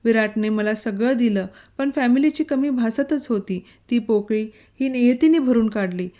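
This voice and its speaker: A woman voicing a gentle elder brother who speaks softly and from the heart. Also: very high-pitched, moderate pace. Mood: heartfelt. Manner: soft, heartfelt.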